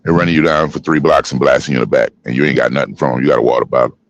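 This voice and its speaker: A man in his fifties talking forcefully in a heated panel discussion, preaching in street slang. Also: rumbling low, steady tone, racing, highs cut off, slight background noise. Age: 50s. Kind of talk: heated casual panel talk.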